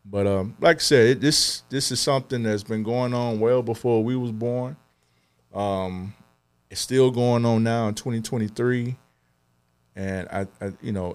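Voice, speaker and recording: A man's voice: lowish voice, darkish tone, clear, resonant tone. A young adult man co-hosting a podcast, talking earnestly in casual chat, with many fillers and restarts. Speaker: podcast co-host.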